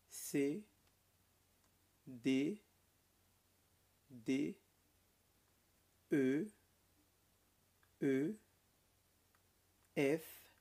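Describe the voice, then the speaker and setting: Slow, patient male French teacher. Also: a little high, a little mellow, breathy edge. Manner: repeats each letter twice, patient and deliberate. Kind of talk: beginner language lesson.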